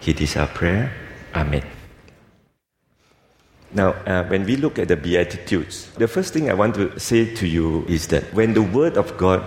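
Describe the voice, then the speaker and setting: Man, Malaysian accent, low-pitched voice, informal sermon delivery, reverberant hall recording. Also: lively intonation, moderate pace, hardly any pauses, a little mellow. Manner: informal, with 'you see' and 'lah' tags. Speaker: preacher. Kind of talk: sermon in English at a church camp. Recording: echoey hall, noisy room sound.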